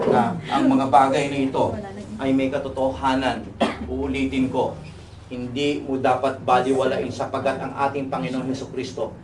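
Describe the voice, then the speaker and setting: Male pastor, sermon, calls out to the congregation, roomy hall, crowd in the background. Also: medium pitch. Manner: preaching in mixed Tagalog and English, calling for replies. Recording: echoey hall, distant mic, audible congregation.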